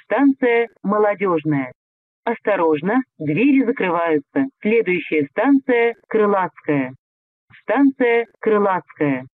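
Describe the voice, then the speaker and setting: A man making formal, measured metro announcements over the train intercom. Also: high-pitched, very animated, dry recording. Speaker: transit announcer. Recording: tinny lo-fi train loudspeaker.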